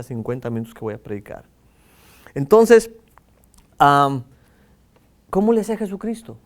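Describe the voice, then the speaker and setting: A man with a Mexican accent teaching a lively lesson on preaching, acting out examples and swinging his tone and pace. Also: mid-range voice. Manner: animated, acts out examples with shifting tone and pace. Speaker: preaching instructor.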